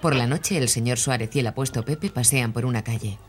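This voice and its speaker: Audio describer, even, measured, neutral, faint background noise. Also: mid-range voice.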